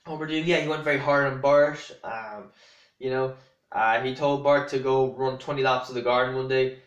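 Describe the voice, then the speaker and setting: A man's voice: medium pitch, fairly even intonation, normal speed, dull audio. Rambling young-sounding man in an echoey room. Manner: rambling, many fillers and restarts, blunt. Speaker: vlogger. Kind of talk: casual rant to camera.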